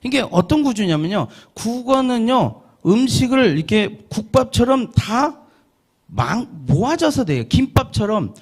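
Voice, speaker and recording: A man's voice: extremely high pitch, big pitch swings, measured pace, darkish tone, husky. A middle-aged man lecturing an audience on learning English. He asks the listeners questions, answers them himself, and drills vowel sounds aloud.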